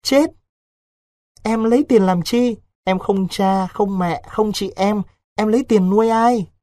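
A man voicing a young peasant servant girl who pleads through tears, in a husky voice. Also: high voice, a little slow, dark tone, no echo, clean studio sound, pitched above the performer's own voice. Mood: anxious. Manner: tearful, imploring pleas.

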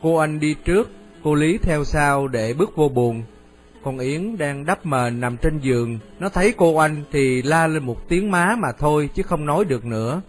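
A man's voice: fairly high pitch, lively intonation, normal speed, soft background music. Man narrating a story.

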